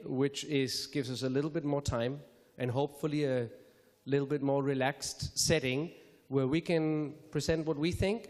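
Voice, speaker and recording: A man from Denmark giving measured, formal opening remarks at a public lecture, with careful phrasing and the odd self-correction. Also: medium pitch. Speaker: speaker introducing a public lecture. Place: lecture hall. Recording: reverberant lecture hall.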